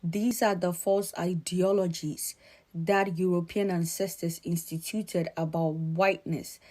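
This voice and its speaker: A woman from Ghana with a Ghanaian accent, giving earnest, emphatic spoken commentary in a measured way. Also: lowish voice, dark tone.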